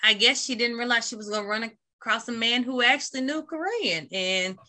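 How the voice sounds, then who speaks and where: A woman co-hosting a casual chat about a reality dating show, opinionated and animated, acting out what people said. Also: on the high side, brisk. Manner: animated, opinionated, acts out quotes.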